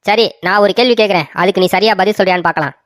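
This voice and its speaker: A woman's voice: mid-range voice, rapid-fire, no echo, studio quality, close to an everyday voice. A woman voicing a boastful, mocking village man in a cartoon story, talking in a taunting, scornful way.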